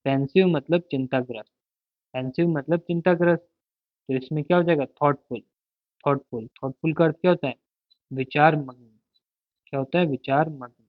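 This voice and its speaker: A man with a fairly high voice teaches a vocabulary lesson. He asks a question, answers it himself and drills each word over and over. The sound is thin and phone-like, with a dry, close feel. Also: steady tone, moderate pace, pauses often, dry recording. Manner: asks a question, then answers it, repeating words.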